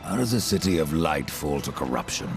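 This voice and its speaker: Death, a grim rider of the apocalypse in a video game. The voice is extremely low and gravelly, terse and sardonic, with commanding swings in tone, under loud music. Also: male voice, animated, a little fast. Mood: dry, probing. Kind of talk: video game cutscene acting.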